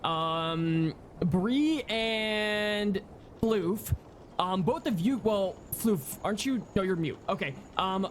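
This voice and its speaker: A young man narrating as game master over voice chat, halting, with many ums and restarts. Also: high voice, lively intonation, a little hiss or hum. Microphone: home microphone on voice chat.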